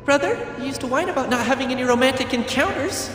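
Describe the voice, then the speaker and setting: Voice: high-pitched, fast talker, a bit bright, recorded from a distance. An actor playing a playful boyish devil who talks like a mock-polite call-center customer service manager in a video game. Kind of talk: game voice acting. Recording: very echoey hall reverb. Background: music.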